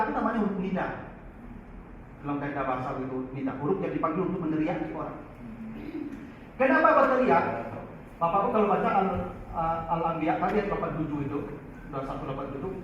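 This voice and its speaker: A man teaching in a lively Quran study lecture, often turning to his listeners. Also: high voice, brisk. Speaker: religious teacher. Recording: echoey far-off hall, dull lo-fi, faint noise.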